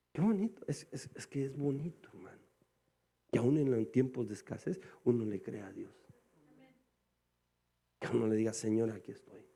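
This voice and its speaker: A male pastor preaching a sermon. He keeps calling his listeners "brother" and swings between quiet, low asides and loud, high exclamations. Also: vocal fry, husky. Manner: calls the congregation "hermano" again and again.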